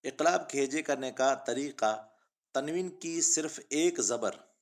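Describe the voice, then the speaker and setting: A man teaching a Quran recitation lesson. He explains each rule briskly, then stretches out words in slow recitation for the student to repeat, and patiently calls the student 'child'. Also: medium pitch. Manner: patient, addresses student as child. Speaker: Arabic and Urdu teacher.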